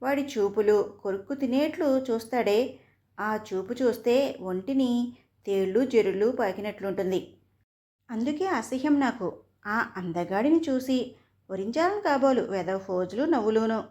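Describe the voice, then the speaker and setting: A woman's voice: a little high, expressive, a little slow, mellow. A woman voicing a proud young college girl who sneers at a classmate. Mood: scornful.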